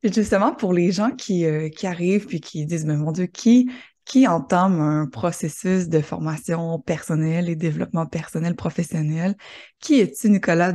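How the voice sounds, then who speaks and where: A woman's voice: on the low side, warm tone. A woman hosting an online interview, enthusiastic and encouraging toward her guest. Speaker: interviewer and host. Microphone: video call.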